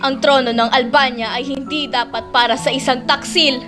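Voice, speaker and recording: A proud young noblewoman, acted by a woman speaks with firm defiance in old-style radio drama. The voice is high, set over faint music. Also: fairly even intonation, normal speed, lightly acted. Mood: defiant.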